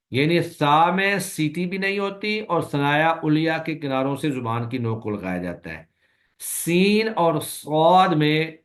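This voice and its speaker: A man who teaches Quran recitation, giving a recorded lecture and explaining slowly and patiently, with long drawn-out sample sounds and a Pakistani Urdu accent. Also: a little high, a bit bright. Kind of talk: recorded lecture on letter pronunciation.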